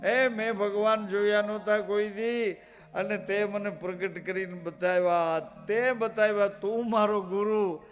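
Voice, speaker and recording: A man's voice: high voice, fairly even intonation, unhurried, faint music behind. A man preaching a devotional sermon, telling a story and calling out the characters' lines. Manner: storytelling, acting out characters' calls. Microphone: live program recording.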